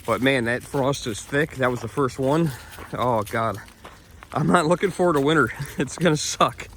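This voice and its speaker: A man's voice: mid-range voice, moderate pace, fairly bright tone, a little hiss or hum. Rambling man chatting on a walk. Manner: rambling and chatty, laughing often while walking the dog. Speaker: vlogger. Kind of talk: casual walking vlog chat. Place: outdoors on a wooded trail.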